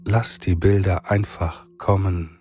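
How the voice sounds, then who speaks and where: A man narrating a guided sleep meditation like a soothing sleep-story narrator, with long pauses between phrases. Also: low-pitched, level tone. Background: meditative singing bowl music.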